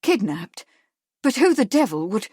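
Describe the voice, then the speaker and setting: A woman reading a grave Victorian gentleman. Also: medium pitch, normal speed, no room sound, studio quality, natural voice. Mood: grim. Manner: calm, grave. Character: grim steady Victorian gentleman.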